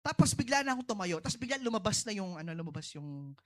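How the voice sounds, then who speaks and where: Filipino pastor guy preaching, mixes languages, keeps going "no? di ba?", short bursty lines, gets loud then quiet. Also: high-pitched, big pitch swings, quick pace. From Philippines. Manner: switches between Tagalog and English, asks the congregation "no?" and "di ba?"; talks in short bursts with big swings in loudness. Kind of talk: sermon testimony.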